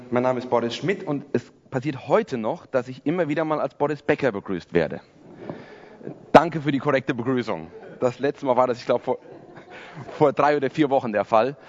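Speaking at a normal speed in a mid-range voice, a forties-aged pastor delivers a sermon before his church congregation. He is conversational and self-deprecating. The audio is dull.

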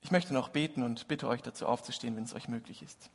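A man preaching a Christmas sermon and telling a story in an earnest, gentle way. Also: mid-range voice, fast talker. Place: church. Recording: husky voice with long hall reverb.

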